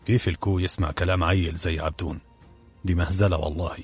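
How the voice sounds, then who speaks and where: A man voicing a pious older gambling-hall chief with an Egyptian accent, speaking in a measured, disapproving way. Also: deep voice, fairly even intonation, slightly rough, soft background music. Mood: indignant. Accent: Egyptian Arabic.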